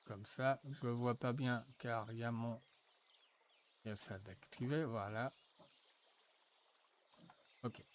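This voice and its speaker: A man walking viewers through a software tutorial, thinking aloud with frequent fillers and restarts. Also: mid-range voice, fairly even intonation, slight background noise. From France. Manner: slow, hesitant, thinking aloud with many fillers. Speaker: tutorial presenter. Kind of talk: screen-recorded software tutorial.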